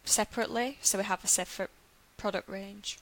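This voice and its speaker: A woman's voice: medium pitch, fairly even intonation, fairly quick, poor audio. A woman with a Yorkshire accent, a podcast guest who explains her job in a friendly, matter-of-fact way. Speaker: guest, business development manager at a lender. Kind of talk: podcast interview answers.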